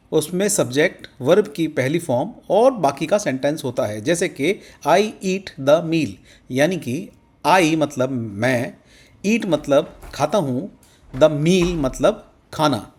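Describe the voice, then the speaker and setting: A man teaching English to Hindi speakers in an Indian accent, saying each example sentence slowly and word by word. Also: fairly high pitch. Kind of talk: slow explanatory language lesson.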